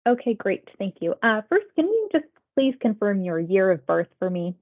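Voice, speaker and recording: This is a public health phone interviewer, a woman with a medium pitch, taking someone through a health survey at a moderate pace. She's very animated yet polite and conversational, following scripted questions and acknowledging the replies. The sound is tinny, as if over a narrow phone connection.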